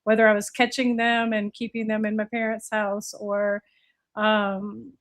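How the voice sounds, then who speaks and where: This reptile breeder, a late-forties American woman who lived in Florida before moving to Virginia, talks casually as a podcast interview guest. She has a medium pitch and a flat delivery at a measured pace.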